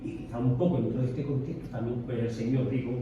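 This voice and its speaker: A man's voice: mid-range voice, little pitch movement, quick pace. A man in a Bible study group sharing a reflective, hesitant comment with repeated words. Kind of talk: group discussion. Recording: echoey room, far off, dull lo-fi, clear noise.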